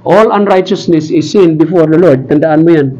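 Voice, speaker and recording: A middle-aged man preaching a sermon, telling stories and laughing, his voice swinging from low murmurs to loud exclaims. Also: normal speed, highs cut off. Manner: animated preaching mixing Tagalog and English, storytelling with laughs. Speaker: pastor.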